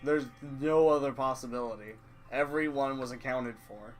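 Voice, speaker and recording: A man's voice: medium pitch, moderate pace, faint music behind. A man hosting a let's play, reading game text aloud and adding casual commentary.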